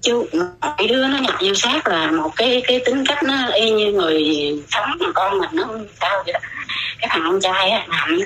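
A woman's voice: medium pitch, moderate pace, background noise. Rambling middle-aged woman. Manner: rambling, repeats words often. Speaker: interviewee, mother telling her story. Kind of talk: casual spoken storytelling.

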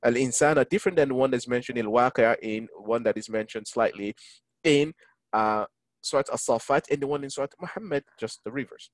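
Over a video call, an imam teaches an online Quran class, engaging his listeners and reciting Arabic verses quickly. His voice is medium-pitched with no echo. English isn't his first language, and his native tongue is neither Arabic, English, nor French.

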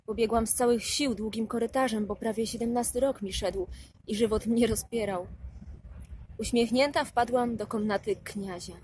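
A woman narrating a first-person audiobook in a measured, expressive reading. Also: fairly high pitch, slight background noise, low-quality recording.

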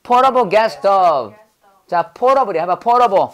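A man, a pastor teaching English vocabulary, drills words in class using call-and-response, quizzing students and correcting their pronunciation. He speaks very slowly in a high, expressive voice.

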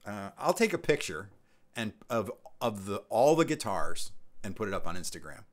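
A man's voice: lowish voice, sing-song, normal speed. A man hosting a casual live stream, reading out chat questions and answering in a rambling way with many ums and restarts. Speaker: livestream host.

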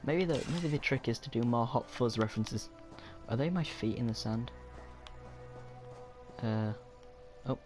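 A man giving casual, excitable gameplay commentary, swearing often and chatting to himself. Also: medium pitch, unhurried, pauses often. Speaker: gaming video creator. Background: game music.

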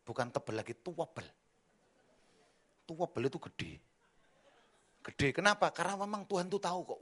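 A middle-aged man preaching a sermon as pastor, with a slight tinge, telling a humorous testimony in an animated, joking way. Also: on the high side. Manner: animated storytelling, jokes, mimics his wife and daughters.

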